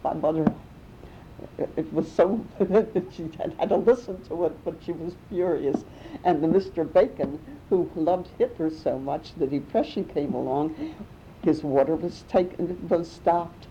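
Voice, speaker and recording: Older lady telling old family stories, low dark voice, muffled recording w/ faint rumble. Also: unhurried. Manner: rambling, warm storytelling with restarts and small laughs. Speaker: interviewee. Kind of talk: oral history reminiscing.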